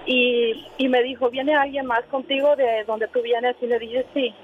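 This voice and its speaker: A woman from Honduras, calling a radio show from her car while driving, tells a personal story hesitantly, full of fillers and quoted dialogue. Her voice is fairly high and level at a measured pace, and the phone line sounds tinny and noisy.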